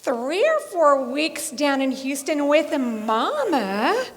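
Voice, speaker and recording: A woman's voice: sits high, sing-song, full character voice. A woman playing a coy, sarcastic merchant's wife. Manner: drawn-out, coy and sarcastic, gasping for effect. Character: teasing, theatrical small-town wife, sweetly sarcastic. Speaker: shopkeeper's wife Missus Barnum. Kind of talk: community theater stage acting. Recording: live stage audio in an echoing hall.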